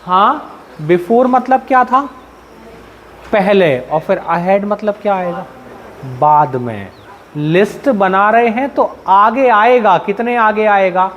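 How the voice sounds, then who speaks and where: High-voiced male teacher quizzing his class. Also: animated, takes it slowly, a bit bright, slight background noise. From central India. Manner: keeps asking the class questions; explains step by step with everyday examples. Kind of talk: classroom lecture.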